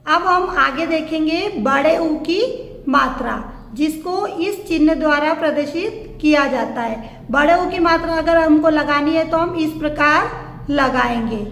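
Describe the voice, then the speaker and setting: A woman's voice: high-pitched, a little slow, a bit bright. A woman teaching a primary school class, patiently spelling words out letter by letter. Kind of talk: slow classroom lesson. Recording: echoey room with long reverb.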